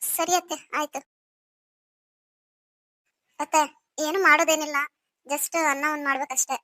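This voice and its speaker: A woman's voice: sits high, fairly even intonation, a little slow, bright, forceful tone, dry recording. A woman voicing a young orphaned wife in a cartoon story, pleading and full of questions. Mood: wondering.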